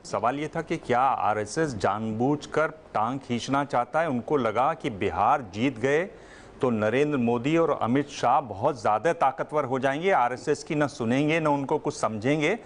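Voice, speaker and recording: A man's voice: mid-range voice, normal speed. A man, a journalist, asking pointed follow-up questions and pressing his point at a press conference.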